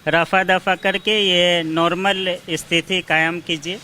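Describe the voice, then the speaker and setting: A man's voice: high-pitched, flat delivery, slow pace, bright, forceful tone, a little hiss or hum. A man, a local shopkeeper interviewed on the street, speaking earnestly about shops staying closed. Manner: earnest, agreeable, stresses his lost business. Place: outdoors on a city street.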